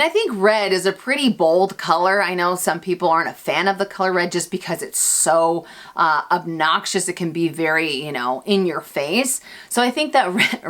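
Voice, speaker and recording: A woman hosts a relaxed question-and-answer vlog in a slightly low voice. She talks in a chatty, self-mocking way, with playful asides to her viewers. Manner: chatty, self-deprecating, restarts and fillers, laughs often. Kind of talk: casual Q&A vlog.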